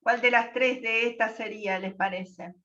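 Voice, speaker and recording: A woman teacher speaks slowly and patiently, asking her class little questions as she explains. Her voice is high and bright. It comes across muffled and lo-fi, picked up from some distance away from the mic. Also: fairly even intonation. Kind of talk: online class lesson.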